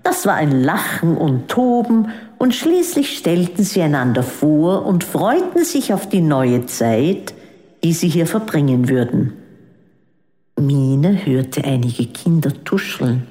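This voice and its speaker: Slow, lively woman reading a children's story. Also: low voice. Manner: calm, unhurried narration. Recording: echoey room with long reverb.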